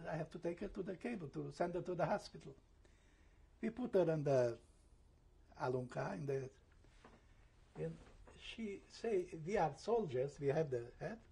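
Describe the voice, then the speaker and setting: Gravelly, husky elderly man recounting memories. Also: fairly high pitch, mellow. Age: 70s. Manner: halting, broken English with searching pauses; slips into German and Hebrew words. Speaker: Holocaust survivor giving testimony. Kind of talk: oral history interview.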